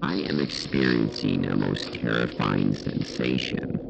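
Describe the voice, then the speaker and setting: A man voicing a newly built android that talks in an even, machine-like way, calm and literal. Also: rumbling low, a little slow, vocal fry, background noise, exaggerated voice. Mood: uneasy. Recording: muffled audio with music behind.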